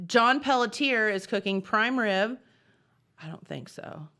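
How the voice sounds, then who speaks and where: A woman's voice: a little high, expressive, measured pace, pushed and bright. A woman co-hosting a local morning TV show, chatting casually and reading community announcements in a studio.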